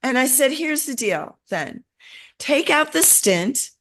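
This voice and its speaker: A middle-aged woman shares a personal story in an interview. She talks in an animated way, taking on the voices of the people she quotes as she goes. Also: high-pitched, slow pace. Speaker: interview guest.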